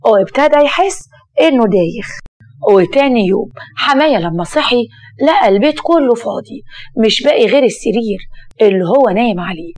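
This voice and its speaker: A woman's voice: a little high, lively intonation, a little fast, a little mellow. A woman with an Egyptian accent, telling a story in the first person in a plain, conversational way. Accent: Egyptian Arabic.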